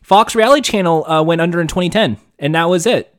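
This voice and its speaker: Podcast co-host, male, slightly high voice, dry close mic, casual swearing storyteller. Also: fast, no echo. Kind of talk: casual chat.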